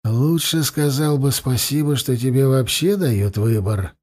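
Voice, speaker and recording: A man's voice: fairly high pitch, expressive, a little slow, a little mellow, pitched above the performer's own voice. A man voicing a stern, cold, self-righteous male priest who acts as torturer. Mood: cold, contemptuous. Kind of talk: audiobook character voice.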